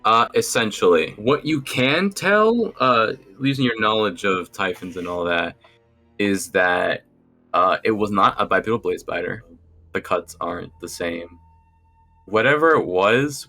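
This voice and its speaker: Casting: low, gravelly man running a tabletop game, bright edge, unhurried. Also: soft background music. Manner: relaxed, hesitant narration with fillers. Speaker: game master.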